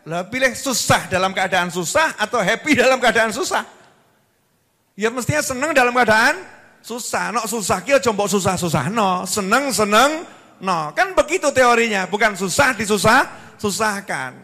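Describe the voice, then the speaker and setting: A man's voice: sits high, animated, moderate pace, bright, forceful tone. A man with a Javanese accent preaching a sermon, acting out little scenes and asking the crowd questions. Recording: long reverb of a hall.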